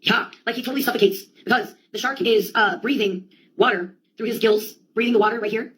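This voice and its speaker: In a slightly high, bright voice, a woman briskly delivers a rambling comic monologue, theatrical and full of slang and swearing, with quoted outbursts. The recording is rough.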